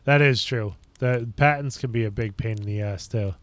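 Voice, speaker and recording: A man from upstate New York hosts a casual livestream and talks through his thoughts in loose, meandering sentences. His mid-pitched voice comes through smooth and clear, with a dry, close sound. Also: normal speed, no room sound. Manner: thinks aloud in loose rambling sentences. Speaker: livestream host. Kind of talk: casual chat with viewers.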